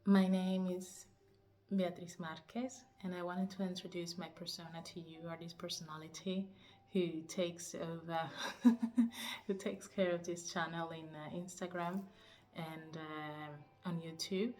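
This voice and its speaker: A woman from Cuba, a teacher and spiritual coach, introducing herself to camera in a soft, searching way, often laughing and pausing to find words. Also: on the low side, little pitch movement.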